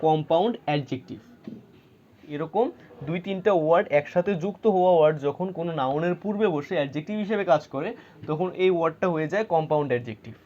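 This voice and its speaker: A man walks students through a grammar lesson, pausing often to ask whether they follow. His voice sits a little high. The recording sounds muffled and lo-fi. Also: darkish tone. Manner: explains patiently, checks in with rhetorical questions. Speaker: English grammar teacher.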